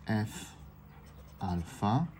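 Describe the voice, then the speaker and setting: Slow, low-voiced man reading letters aloud. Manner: reads out letters and words one by one in a calm, steady drone. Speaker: scratch-card vlogger. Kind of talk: casual scratch-off commentary. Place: indoors by an open window. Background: faint noise through an open window.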